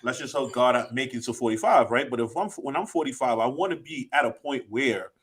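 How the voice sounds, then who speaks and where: A podcast co-host in his late thirties chats casually, rambling and reflecting on himself with many restarts and lots of "you know." His mid-range voice is fairly quick, a bit bright, and husky.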